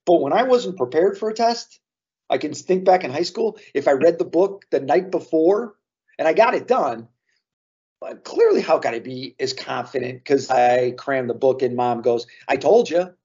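A man's voice: a little high, expressive, normal speed, darkish tone, husky, muffled recording. A man co-hosting a casual podcast, talking earnestly and drawing lessons from sports memories. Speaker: podcast co-host.

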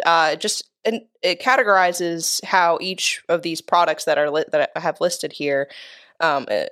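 A woman co-hosting a podcast, talking in a relaxed, easygoing way. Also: deep voice. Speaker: podcast co-host. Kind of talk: casual chat.

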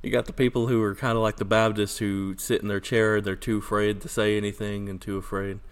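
A man's voice: fairly low pitch, level tone, fairly quick, clear, resonant tone. A man co-hosting a podcast in casual conversation, recorded in an echoey church sanctuary. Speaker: podcast co-host. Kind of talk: casual chat.

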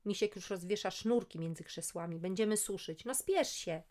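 A woman voicing a loud, bossy middle-aged woman who snaps out orders. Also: mid-range voice, close to an everyday voice. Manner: shouting orders, brisk.

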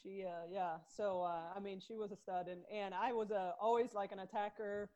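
At a moderate pace and in a mid-range voice, a Swedish woman in her thirties chats about her soccer career on a podcast. She's relaxed and talkative, laughs easily, and sprinkles in fillers throughout the casual interview.

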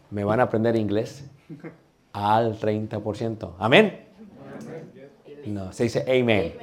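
A man teaches a homiletics class to a church group. He talks in a lively, joking way and keeps calling his listeners brothers and sisters. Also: mid-range voice. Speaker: preaching instructor.

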